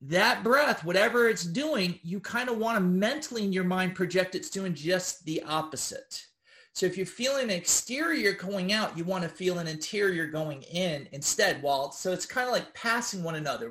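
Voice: medium pitch, fairly bright tone. Rambling casual instructor, constant okay checks. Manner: rambling, with frequent tag questions of okay; loose and informal, with occasional swearing.

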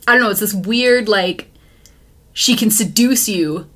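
A woman's voice: medium pitch, a little slow, fairly bright tone. A woman with a Californian surfer accent, co-hosting a casual podcast chat in a flippant, profane way full of "like". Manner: flippant, profane, filler-heavy "like" talk. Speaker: podcast co-host.

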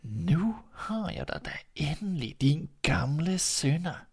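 A man voicing a determined hunter in a storybook reading, speaking firmly and deliberately. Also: a little high, sing-song, a little mellow, breathy edge, pitched above the performer's own voice, exaggerated voice. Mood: stern. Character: gruff determined male hunter.

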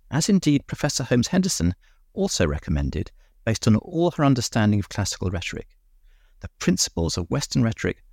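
A man hosting a podcast, reading a measured, reflective scripted summary with rhetorical asides. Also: lowish voice, vocal fry, darkish tone, no room sound, studio quality. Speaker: podcast host.

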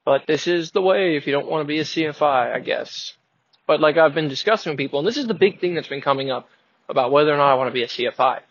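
A young man in his early twenties talks to himself in a casual solo vlog, thinking aloud with a wry, self-mocking edge. His voice sits a bit high for a man. The recording is dull and lo-fi, as if captured in a car. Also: expressive, fast, dry recording. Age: 20s. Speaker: podcast host. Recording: dull lo-fi sound.

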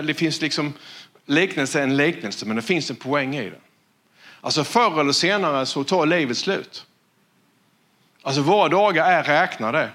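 Earnest man preaching, slightly high voice. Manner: earnest, often drops to hushed tones for emphasis; repeats words while restarting. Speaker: pastor. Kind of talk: sermon.

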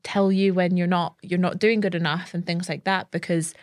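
A woman's voice: on the low side, little pitch movement, normal speed, no room sound, clean studio sound. A woman co-hosting a casual podcast, asking questions and giving short backchannels. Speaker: podcast co-host.

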